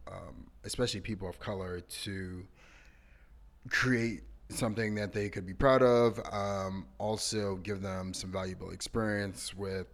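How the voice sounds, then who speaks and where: A man co-hosting a casual podcast chat, relaxed and laid-back, often pausing with fillers. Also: deep voice, gravelly. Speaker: podcast co-host.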